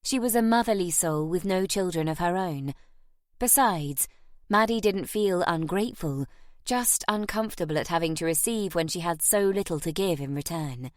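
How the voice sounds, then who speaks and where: A woman narrating a romance audiobook in a measured storytelling manner. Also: fairly low pitch, no echo, studio quality.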